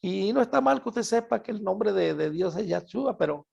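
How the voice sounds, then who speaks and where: Venezuelan guy preaching a bible lesson, super gravelly, kinda husky, repeats himself a lot. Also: sits high, normal speed, dull audio. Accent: Venezuelan Spanish. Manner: animated, repeats words for emphasis. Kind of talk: Bible study sermon.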